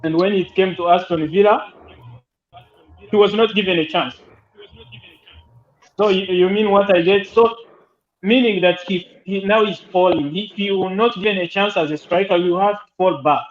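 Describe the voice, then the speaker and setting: A man's voice: high voice, fairly even intonation, normal speed, long pauses. Man on an echoey second-device line. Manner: hesitant, many filler sounds. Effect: echoey audio fed back through a second device. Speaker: caller in a live fan stream. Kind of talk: casual football chat. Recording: roomy, dull, lo-fi line with faint noise.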